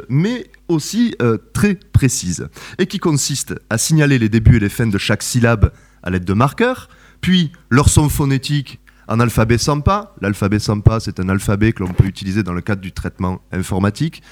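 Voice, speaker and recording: Male researcher giving a methodical academic presentation, steady and careful, with frequent hesitations. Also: mid-range voice, moderate pace. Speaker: researcher presenting his work.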